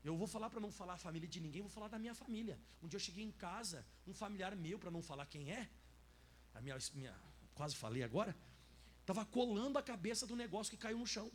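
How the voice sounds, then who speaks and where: A man's voice: high-pitched, lively intonation, fast talker, slight background noise. A male pastor teaching a faith course in a conversational sermon style, often tagging his sentences with little asides. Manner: conversational, tags lines with "né?" and "ó"; acts out dialogues in different voices.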